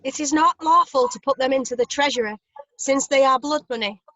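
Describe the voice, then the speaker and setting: A woman's voice: sits high, a little fast, pushed and bright, dull audio. A woman playing a scornful, condemning temple elder in a dramatised scripture reading. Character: scornful, condemning priests and elders mocking a prisoner.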